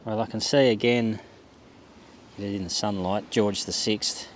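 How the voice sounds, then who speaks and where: A man with a lowish, unhurried voice and fairly even intonation searches a beach with a metal detector. His running commentary is relaxed and understated, half muttered to himself in a hobby vlogger's casual style, with clear outdoor noise behind it.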